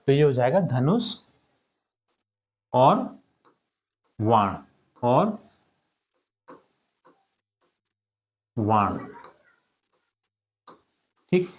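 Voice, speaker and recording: A young adult male teacher giving a recorded lesson to schoolchildren, repeating each word slowly and checking in with the class after each point. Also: fairly high pitch. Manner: addresses the class as children, checks with "ठीक".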